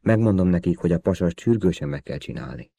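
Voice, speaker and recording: A man's voice: low-pitched, lively intonation, creaky, warm tone, no room sound, exaggerated voice. A man reading the part of a male intelligence officer giving terse, commanding orders in an audiobook. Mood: urgent.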